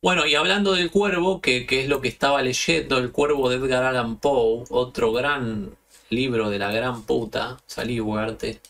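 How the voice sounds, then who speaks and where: An Argentine man hosts a podcast and tells stories in a relaxed, slangy way, swearing often. His voice has a gravelly rasp and middle pitch. He sits a little away from the microphone. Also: moderate pace, distant mic. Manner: loose, slangy and profane, animated retelling. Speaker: podcast host. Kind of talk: casual storytelling chat.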